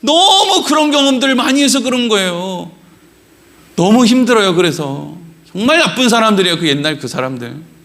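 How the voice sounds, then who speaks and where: Male pastor, high bright voice, animated sermon delivery with acted-out quotes. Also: moderate pace. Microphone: livestream.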